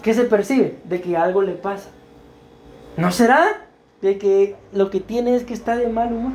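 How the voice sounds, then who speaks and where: A man's voice: high-pitched, measured pace, darkish tone, a little hiss or hum. Male pastor teaching and questioning his congregation. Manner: explanatory, checks understanding with frequent "¿verdad?"; questions the congregation and waits for answers. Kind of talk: teaching sermon.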